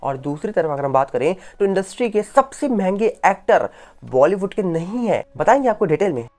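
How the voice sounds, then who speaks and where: A woman giving rapid spoken news commentary on entertainment stories, full of rhetorical questions and emphatic repetition, on a close voice-over mic. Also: on the low side, big pitch swings, a little mellow.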